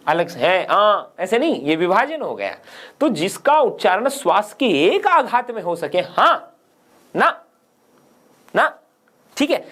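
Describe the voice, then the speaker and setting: A man's voice: high voice, a bit bright. A man teaching grammar in a studio for an exam-prep lesson, emphatic and asking and answering his own questions.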